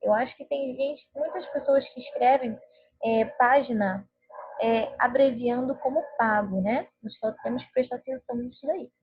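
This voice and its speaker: A woman teacher talks through a recorded lesson in a patient, explanatory way, checking in often with her listeners. Her voice sits fairly high and a little husky. The sound is narrow and thin, like a phone line. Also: normal speed. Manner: patient, explanatory, frequent tag questions. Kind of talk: recorded online grammar lesson.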